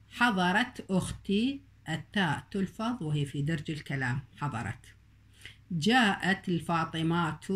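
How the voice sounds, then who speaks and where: A woman teaching a recorded online lesson, speaking slowly and repeating example words. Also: low voice.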